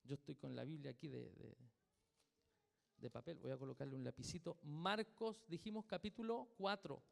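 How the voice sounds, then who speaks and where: A man's voice: a little high, moderate pace, gravelly. A man with a Chilean accent preaching a sermon in church, emphatic and repeating his points with questions to the congregation. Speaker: pastor. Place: church sanctuary. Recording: long reverb of a church hall.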